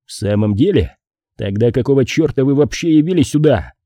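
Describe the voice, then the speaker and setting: A sardonic, hard-drinking private detective, read by a man with a dry, unhurried mockery. His voice is warm and husky with lively pitch, close and dry. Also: dry recording, natural voice. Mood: gruff, sardonic.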